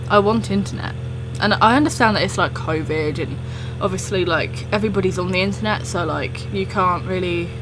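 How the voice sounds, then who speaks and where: A woman's voice: fairly low pitch, fairly quick, hardly any pauses, background noise. A young woman telling a personal story in a casual, rambling chat, often interrupting herself as she goes. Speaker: storytelling video creator.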